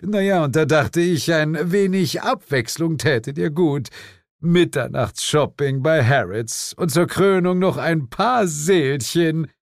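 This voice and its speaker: Flustered stammering devil guy, a man reading him, pitched up, theatrical. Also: slow, gravelly, dry recording, clean studio sound. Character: blustering male devil, easily flustered.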